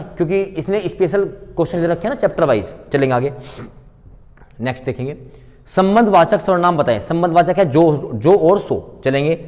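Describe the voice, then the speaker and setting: Speaking on the high side with a darkish tone, a man gives an informal classroom grammar lecture full of worked examples. He talks to students in a familiar way, goes back over the main points, and asks questions only to answer them himself. A long reverb, like a hall, trails his voice.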